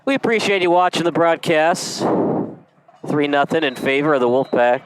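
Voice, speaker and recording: A male play-by-play announcer calling a live football game in a brisk, chatty way. His voice sits a little high for a man. Faint outdoor noise hums behind him. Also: animated, poor audio. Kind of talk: live sports commentary.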